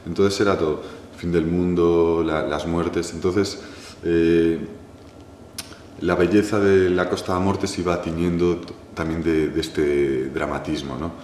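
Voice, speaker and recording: A man from Galicia, a filmmaker answering an interview slowly, pausing often and adding "¿no?" to his thoughts. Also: low voice, level tone, darkish tone, slight background noise. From Galicia, Spain. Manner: thoughtful, many pauses, restarts and "¿no?" tags. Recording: echoey room with faint ambience.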